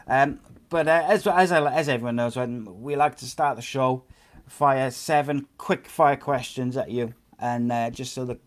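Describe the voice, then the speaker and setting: A man's voice: mid-range voice, normal speed. A man hosting a football show informally, in an easygoing, chatty way. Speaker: host.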